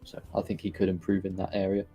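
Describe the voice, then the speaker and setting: A man chatting casually on a live stream, relaxed and rambling with frequent fillers as he answers viewers. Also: low-pitched, fast.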